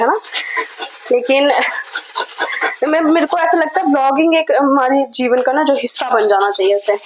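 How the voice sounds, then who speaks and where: A woman vlogger chatting to camera while cooking in her home kitchen, talking slowly and softly and mixing English words into her talk. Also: high-pitched, noisy background. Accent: Jammu. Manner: chatty, devotional asides, mixes English words into Hindi; tries to speak slowly and softly.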